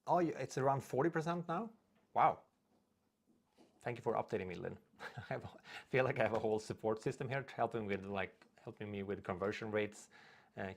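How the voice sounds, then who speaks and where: Lowish and gravelly, the voice belongs to a young Swedish livestream host chatting casually in his second language, English. He reads viewer comments out loud, wanders off on tangents and sometimes trips over what he's saying.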